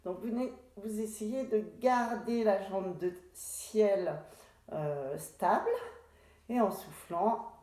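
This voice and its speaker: Female Pilates teacher, calm and measured cueing, heavy room echo. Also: medium pitch. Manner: calm, unhurried cueing with breathing prompts. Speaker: Pilates instructor. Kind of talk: guided exercise class instruction. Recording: very echoey room.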